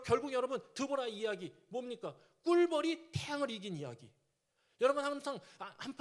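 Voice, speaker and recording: A male pastor preaching a sermon, telling the story vividly and acting out the characters' lines. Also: high voice.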